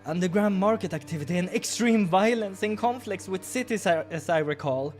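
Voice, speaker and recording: Narrating a visual novel playthrough at normal speed, the host has a high-pitched male voice. He voices the story aloud with showy, playful reactions over background music.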